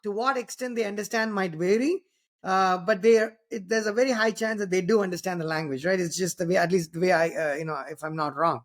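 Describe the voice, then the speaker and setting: This high-voiced, fast-talking man hosts a casual podcast interview. A native Tamil speaker from Tamil Nadu with an Indian accent, he strings together long, rambling sentences with many restarts and frequent "you know" and "right?".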